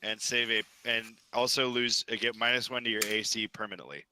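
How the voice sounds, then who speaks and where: Wry bright-voiced dungeon master. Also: male voice, fairly low pitch, steady tone, fairly quick, clean tone. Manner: dry, wry rulings, often breaking into laughter. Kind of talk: running a tabletop game on stream.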